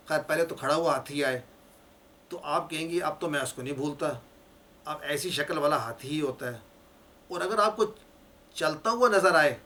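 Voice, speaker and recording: A man's voice: on the high side, pushed and bright. A male teacher giving a classroom lecture, explaining each point step by step and repeating key words for his learners.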